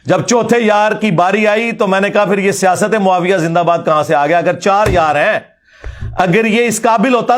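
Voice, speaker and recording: A middle-aged man with a Pakistani Punjabi accent and a high voice delivers an informal, polemical religious lecture. His manner is combative, mocking and emphatic.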